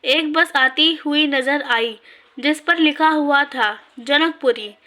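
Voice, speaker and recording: A woman reading a story aloud in a measured, scripted narration. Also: sits high, sharp tone.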